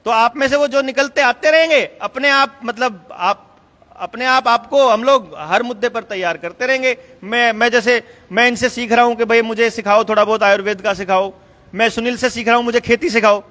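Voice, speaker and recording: A man with a very high, bright, forceful voice speaks to a meeting in an emphatic, conversational way, chuckling between points. His voice rings with a long reverb from the hall. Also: moderate pace. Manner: emphatic, conversational, laughs often. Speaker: speaker addressing a political meeting. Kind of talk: rousing speech to a meeting.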